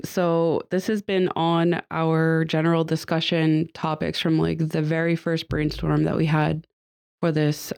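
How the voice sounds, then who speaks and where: A little nasal from a fading cold, a woman with a low-sitting, slightly mellow voice and some vocal fry hosts a casual group podcast. She sits at a table with guests, keeping things chatty and upbeat with light laughs and plenty of fillers.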